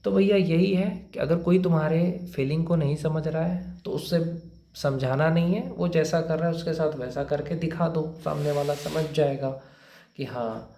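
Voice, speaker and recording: Blunt lecturing man, gravelly, echoey room. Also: on the high side, fairly even intonation, normal speed, mellow. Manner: blunt, lecturing, repeats points. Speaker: advice speaker. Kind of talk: motivational advice talk.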